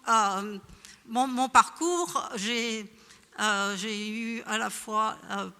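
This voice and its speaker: A woman's voice: on the high side, extremely slow, sharp tone, smooth. Hesitant woman speaking in an echoey hall. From Iran. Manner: hesitant, many fillers and restarts. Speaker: panel speaker. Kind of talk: spontaneous public talk.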